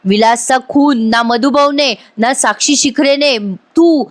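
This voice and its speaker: A woman's voice: high-pitched, fairly even intonation, a little slow. A woman voicing a male lawyer who accuses a witness in court, pressing his charge over and over. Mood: accusing. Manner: hammering, accusatory questions.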